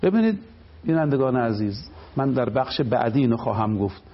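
A man's voice: medium pitch, expressive, muffled recording. A man speaking as a cleric on a television program, delivering an emphatic religious lecture. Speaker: cleric guest.

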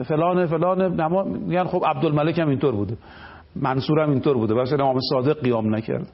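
A male cleric lectures in a slightly high voice, pressing his points with emphatic explanation. The broadcast audio is dull and lo-fi, as if the highs were muffled. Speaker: cleric guest. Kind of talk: religious lecture on television.

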